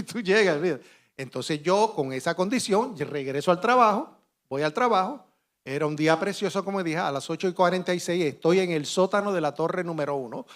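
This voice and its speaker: A middle-aged man from Rico, speaking on a conference panel and telling a dramatic first-person story with animated delivery and acted-out dialogue. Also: high-pitched. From Puerto Rico. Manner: vivid and animated, shouting out sound effects and acting out dialogue.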